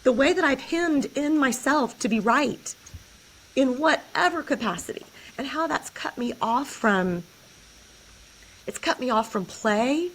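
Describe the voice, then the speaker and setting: A woman on a community podcast, reflecting aloud about her life and childhood. Her voice sits slightly high, and she circles back and restarts as she thinks. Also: lively intonation, a little slow, low-quality recording. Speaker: podcast co-host. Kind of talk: casual reflective chat.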